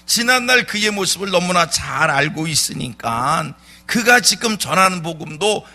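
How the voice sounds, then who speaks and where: Man preaching, bright forceful tone, slightly high voice, repeated rhetorical questions, church sermon. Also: lively intonation, normal speed. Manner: rhetorical questions, emphatic repetition. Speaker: pastor. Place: church sanctuary.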